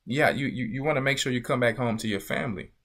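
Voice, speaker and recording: Quick-paced and a bit bright, with medium pitch, a church elder preaches a Bible lesson. He stresses his points emphatically, repeating phrases and asking listeners "you see" again and again.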